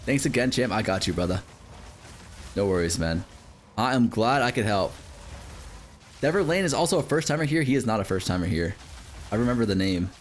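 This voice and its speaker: A man's voice: on the low side, expressive, a little fast, pauses often, slight background noise. A man streaming a game live, chatting casually, cursing and joking while he reads out chat messages.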